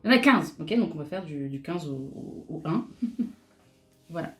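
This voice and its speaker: A woman's voice: low voice, expressive, unhurried, soft background music. A young woman chatting casually and laughing as she does her makeup for a vlog, with lots of fillers and restarts. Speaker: beauty vlogger. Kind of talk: casual chat while doing makeup.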